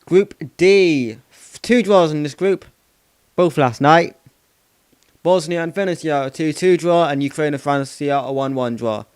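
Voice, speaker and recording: A man's voice: fairly high pitch, a little slow, clear, resonant tone, dry recording. A man hosting a football channel, giving a casual results recap with many "of course"s and frequent stops to correct himself. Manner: rambling, self-correcting, repeats "of course".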